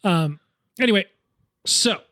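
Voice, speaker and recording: A man talking casually on a movie podcast while losing his voice. His voice sits a little high, and he slips into acting out characters' lines as he retells a scene. The recording is close and dry. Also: lively intonation, slow pace, pushed and bright, no echo. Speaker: podcast co-host. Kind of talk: casual film discussion.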